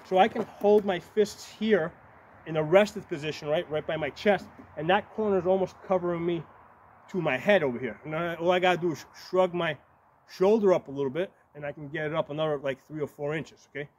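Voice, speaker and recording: With a fairly high, slightly mellow voice and a somewhat quick pace, a man in his forties demonstrates shields as a medieval combat fighter. He explains casually and step by step to camera, often adding "right?" or "okay?". He's outdoors on a gravel yard by the woods, and the camera a few metres off picks up noisy audio.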